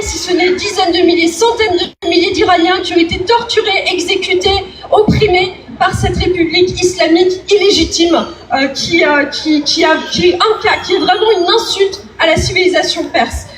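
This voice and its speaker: A woman giving an emphatic rally speech as an activist, in a raised voice. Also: very high-pitched. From France, of Iranian descent. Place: outdoor demonstration in Paris, amplified mic. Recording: echoey noisy outdoor rally PA.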